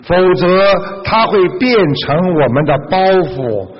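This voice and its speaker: A man voicing a patient, wise old master who teaches slowly and softly. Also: sits high, very animated, slightly rough, full character voice. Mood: gentle. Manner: slow, soft, gently instructive. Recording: dull reverberant lo-fi recording.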